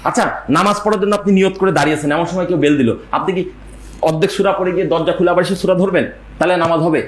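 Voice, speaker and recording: A man talks quickly in a high voice, driving his points home by repeating words and asking rhetorical questions. His voice rings in an echoey room. A faint noise sits underneath. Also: steady tone. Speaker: health speaker. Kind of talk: emphatic lecture-style talk.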